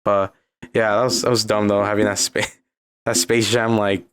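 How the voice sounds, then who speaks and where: Against a noisy background, a young man with a Californian accent speaks at normal speed in a fairly low, level tone. He's co-hosting a casual podcast, retelling a video in a rambling, filler-laden way peppered with "like."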